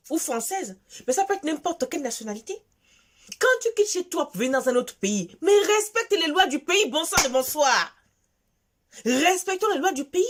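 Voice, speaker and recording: A woman from Gabon with a Gabonese French accent, delivering an emphatic, scolding monologue to her viewers and repeating phrases for force. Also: sits high. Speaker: vlogger. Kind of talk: impassioned monologue addressed to viewers.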